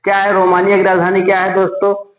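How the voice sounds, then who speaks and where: A man's voice: sits high, monotone, quick pace, echoey room, rough recording. A man teaching an exam-tips lesson, repeating phrases and often restarting words. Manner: repetitive, keeps addressing friends.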